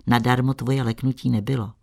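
A man reading the part of a young village girl, earnest and pleading, in his own gravelly voice. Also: mid-range voice, little pitch movement, a little mellow, close to an everyday voice. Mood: reproachful.

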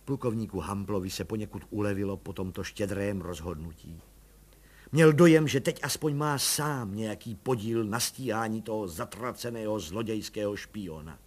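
A man reading a story aloud in a measured, calm storytelling manner. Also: lowish voice. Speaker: narrator. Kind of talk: audiobook narration.

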